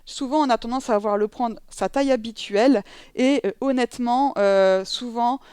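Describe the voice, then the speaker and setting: Chatty French woman with a high voice. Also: normal speed, mellow, clear, resonant tone, dry recording, clean studio sound. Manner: chatty, many fillers and self-corrections. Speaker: babywearing instructor. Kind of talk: demonstration tutorial. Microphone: headset.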